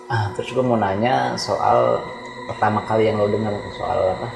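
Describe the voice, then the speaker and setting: A low-voiced man asks slow, probing follow-up questions. His voice sits in a roomy, echoing space. Clear music plays underneath. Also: sing-song. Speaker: podcast co-host. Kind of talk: casual chat. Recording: roomy echo, music bed.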